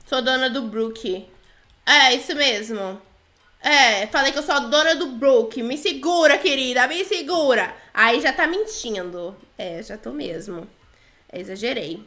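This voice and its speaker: Bright, lively young Brazilian woman. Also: high voice. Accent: Brazilian Portuguese. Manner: chatty and playful, reads out chat lines in mock voices. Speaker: gaming YouTuber. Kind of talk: playing and narrating a role-play game.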